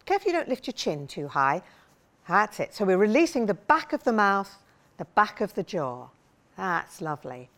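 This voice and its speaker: A woman voice coach leading a vocal warm-up, encouraging and demonstrating sounds with big slides and shouts. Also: medium pitch, sing-song, normal speed.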